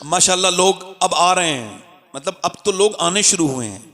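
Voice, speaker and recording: A man preaching a sermon to a live audience, moving from calm storytelling to impassioned shouting and urging the crowd to call back. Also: high voice, normal speed, big-room sound. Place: religious gathering with a live audience.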